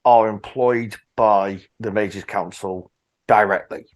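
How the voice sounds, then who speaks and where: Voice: deep voice, fairly even intonation, takes it slowly, muffled recording. A player in a tabletop game, speaking casually in character with short replies.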